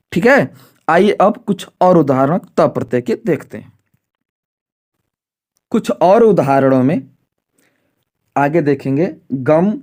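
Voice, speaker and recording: A male Sanskrit teacher in an exam-prep lesson, who asks himself questions, checks in often, and slows down to spell out word forms. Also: fairly high pitch, a little mellow. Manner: repeats rhetorical questions and "ठीक है" to check understanding.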